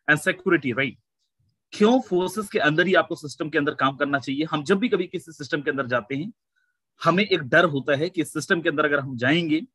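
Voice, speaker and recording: A man's voice: fairly high pitch, sharp tone, no echo, rough recording. A man presenting a sales webinar in Hindi mixed with English, speaking in an Indian English accent and addressing the audience as friends.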